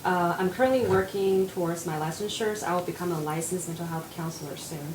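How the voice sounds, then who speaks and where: A young Taiwanese woman, a mental health counselor, speaks fast in a lowish voice during a casual panel discussion. She is earnest and uses many fillers. The room is echoey, with audible noise.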